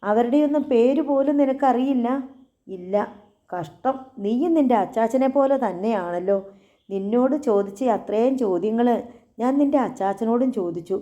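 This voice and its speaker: A woman's voice: a little high, moderate pace, mellow, highs cut off, natural voice. A woman voicing a cold, menacing gang boss. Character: menacing older male boss, coldly interrogating.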